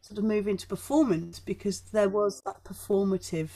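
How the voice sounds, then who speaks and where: A woman with a soft Yorkshire accent chats casually, emphatically, often breaking off and circling back mid-thought. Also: mid-range voice, steady tone, moderate pace. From northern England (Yorkshire), born in Essex. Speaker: guest, performer. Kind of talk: casual conversation.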